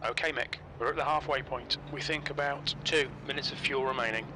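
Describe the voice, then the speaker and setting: An actor playing a calm male race engineer, giving brisk, clipped instructions over team radio. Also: mid-range voice, background noise. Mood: steady. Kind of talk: game voice lines.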